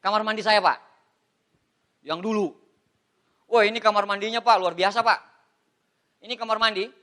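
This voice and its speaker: A middle-aged man from Indonesia giving a motivational seminar talk on network marketing, animated and joking with the audience as he shows photos. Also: sits high, moderate pace.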